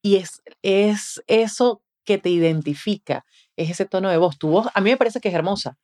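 A woman's voice: mid-range voice, moderate pace. A Venezuelan woman, a communication mentor, talking expressively on a podcast and acting out what people say. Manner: expressive, acts out quoted voices, frequent "¿ves?". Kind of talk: animated interview talk. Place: podcast studio.

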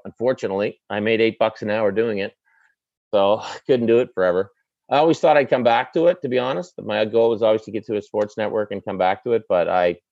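A middle-aged man with a fairly low voice and a light Maritime Canadian twang talks casually, like a broadcaster off duty. He is plain-spoken and slangy, in a dry, slightly dull recording. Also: creaky, darkish tone, no echo. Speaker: sports broadcaster, desk anchor. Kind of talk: casual interview chat.

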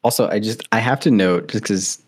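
A man's voice: lowish voice, a little fast, slightly rough. A man co-hosting a podcast over a video call, chatting casually and rambling with loose swearing. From Arizona. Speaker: podcast co-host. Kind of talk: casual chat.

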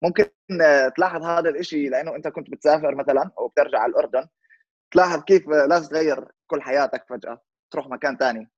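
A man's voice: fairly high pitch, racing, dry recording, dull audio. A man in his twenties with a Levantine Arabic accent, chatting informally as an interview guest, explaining things and mixing in English words. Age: 20s. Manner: informal, explanatory, checks listener understands. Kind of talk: casual conversational interview with English words mixed in.

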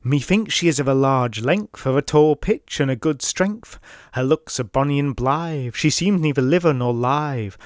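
Picture a giddy, drink-flushed doctor from an old tale, prancing about as he declaims clumsy rhyming couplets in a sing-song lilt, as a male narrator puts him on. The voice sits at a middling pitch in a dry, close recording. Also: normal speed, hardly any pauses, dry recording, close to an everyday voice. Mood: gleeful. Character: tipsy, capering male doctor reciting verse.

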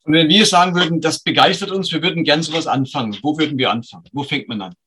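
Quick, bright-voiced male interviewer. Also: a little high, slight background noise. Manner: quick, probing questions. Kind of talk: interview questions.

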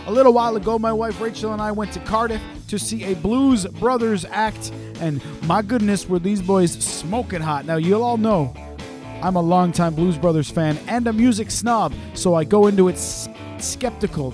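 A man's voice: high-pitched, moderate pace, darkish tone, faint music behind. A man hosting a podcast, talking casually and with gushing enthusiasm. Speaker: podcast host and musician.

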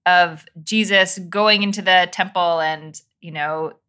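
A woman co-hosting a podcast, reading a scripted intro and then chatting playfully, quick to laugh. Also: lowish voice, fairly even intonation, sharp tone, smooth. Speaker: podcast co-host.

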